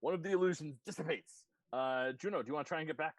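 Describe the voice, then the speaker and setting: A game master narrating a tabletop game in a relaxed, halting way with lots of fillers. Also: medium pitch, no room sound.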